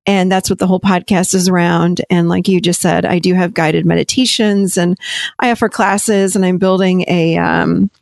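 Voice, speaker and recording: A woman from Rochester, New York, a therapist talking as a podcast guest in a chatty, quick way, correcting herself and laughing often. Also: fairly low pitch, fairly even intonation, vocal fry, darkish tone, dry recording. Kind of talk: casual interview talk.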